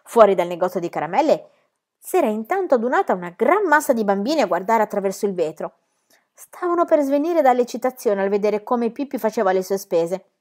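Woman, storybook reader, lively pitch, expressive read-aloud. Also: fairly quick. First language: Italian. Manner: expressive, with rises and falls in pitch. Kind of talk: reading a children's book aloud.

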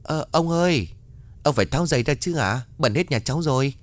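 A man's voice: a little high, expressive, fairly quick, no echo, voice pushed up, natural voice. A man voicing a polite, cheerful young woman student who talks respectfully to her elders. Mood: anxious.

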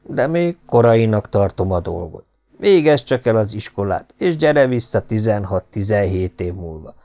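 A man voicing a serious middle-aged father, a lawyer, speaking slowly and gravely in an audiobook reading. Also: on the low side. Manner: grave, slow, patronizing calm. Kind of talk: audiobook character voice.

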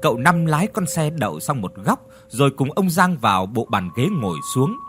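A man's voice: medium pitch, normal speed, background noise. A man telling a scripted ghost story and reading every role with expression. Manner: expressive reading of all roles.

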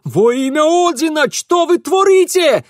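A shrill, panicky young man, yelling high above a normal voice. The voice swoops wildly and is recorded dry and close. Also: sing-song, a little slow, no room sound, heavily acted. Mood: panicked. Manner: shrieking, frantic yelling.

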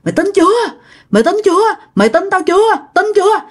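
A woman's voice: high-pitched, big pitch swings, moderate pace, slightly rough, exaggerated voice. A woman voicing a bloodied, menacing ghost woman who insists and taunts, with a Southern Vietnamese accent. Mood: angry taunting. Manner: demanding, repeats herself, taunting.

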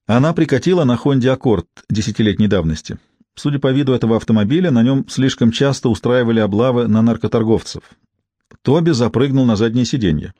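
Male audiobook narrator, dry ironic delivery, mellow voice, dead-dry studio sound. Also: mid-range voice, no room sound. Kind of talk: first-person audiobook narration.

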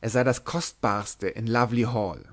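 A man reading aloud, voicing a young married lord who halts and stammers, then bursts out loudly. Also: fairly low pitch, moderate pace. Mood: flustered.

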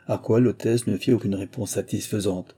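A man narrating a classic novel as an audiobook, in a measured, even reading. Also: on the low side, breathy edge.

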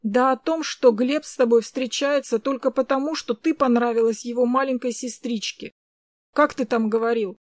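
A woman's voice: on the high side, steady tone, moderate pace, dry recording, close to an everyday voice. Woman playing a sneering spiteful young woman. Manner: sneering, taunting.

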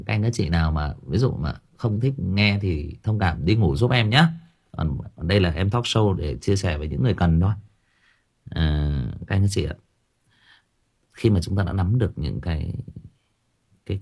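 Hosting a casual talk show, a man with a fairly low, creaky, husky voice talks animatedly about raising teenagers. He rambles and repeats words as he goes.

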